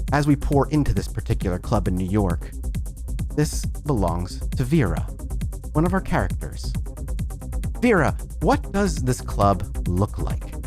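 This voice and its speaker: A low-pitched man hosts and narrates a tabletop roleplaying game as its storyteller, using a dramatic, descriptive manner.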